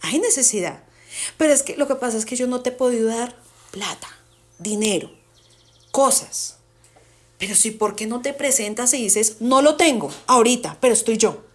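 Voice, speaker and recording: A woman teaching a Bible study to her congregation, asking the group questions and slowing down on key words for emphasis. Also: fairly high pitch. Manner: asks the group questions and repeats answers.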